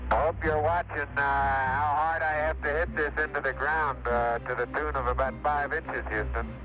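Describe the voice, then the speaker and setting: A man's voice: mid-range voice, fairly even intonation, normal speed, sharp tone. Man, astronaut, space radio transmission with beeps, matter-of-fact reports, muffled lo-fi, faint music behind. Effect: crackly space radio transmission with beeps. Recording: lo-fi archival radio link.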